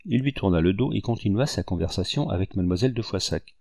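A man narrating a historical novel aloud in a measured, even reading. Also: on the low side, gravelly, dry recording, clean studio sound. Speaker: audiobook reader. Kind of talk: scripted narration.

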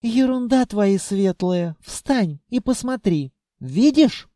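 A man voicing a commanding female spirit of a dark castle, speaking in an imperious, urging manner. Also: high-pitched, animated, slow pace, dry recording, clean studio sound, voice pushed up.

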